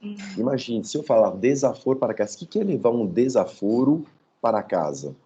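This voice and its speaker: Dark husky-voiced man lecturing. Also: medium pitch, sing-song, a little fast, lo-fi sound. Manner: didactic, checks in with "tá?". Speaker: professor. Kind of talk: online lecture. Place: home. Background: dog nearby.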